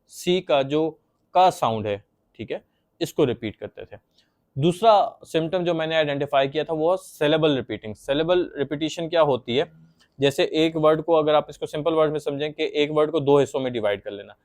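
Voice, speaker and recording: A man's voice: a little high, normal speed, a little mellow. A man giving a patient, plain explanatory lecture on psychology, acting out stuttering examples as he goes.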